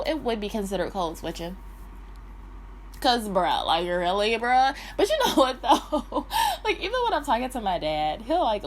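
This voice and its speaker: Profane valley-talking woman, laughing. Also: a little high. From Detroit, Michigan. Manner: profane, fast valley-girl chatter with frequent "like" and laughs. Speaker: vlogger. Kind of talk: casual storytime rant.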